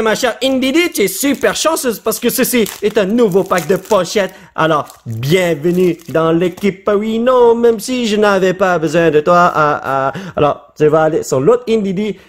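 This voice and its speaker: A man, short on sleep, chatting excitedly in a casual vlog while opening trading cards, tossing in English words. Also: high voice, normal speed, few pauses. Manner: excitable, shouts and laughs at pulls, mixes in English words. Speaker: YouTuber opening Pokémon cards.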